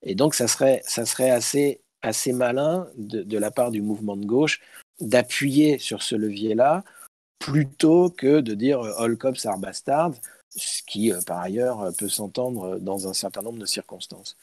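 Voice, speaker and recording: A man speaking as a guest on an online call, telling stories with many pauses and restarts through an earphone mic. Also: mid-range voice, a little mellow, no echo. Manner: hesitant, many restarts and "euh", storytelling. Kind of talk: casual online talk, answering questions. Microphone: earphone headset mic.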